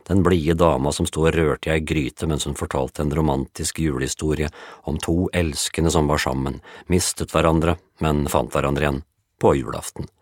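A man's voice: extremely low pitch, no echo, clean studio sound. A man narrating a children's story in a playful storytelling cadence. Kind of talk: scripted audiobook narration.

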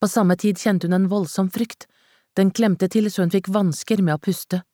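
A woman narrating a novel in a measured, dramatic storytelling manner. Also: mid-range voice, fairly even intonation, mellow, no echo. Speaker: audiobook narrator. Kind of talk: scripted narration. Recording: dry close studio sound.

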